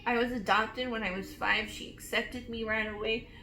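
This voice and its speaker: A woman in her twenties casually reviewing perfumes, gushing and emotional with drawn-out emphasis. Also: a little high, fairly even intonation, bright, forceful tone. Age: 20s. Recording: echoey room with faint noise.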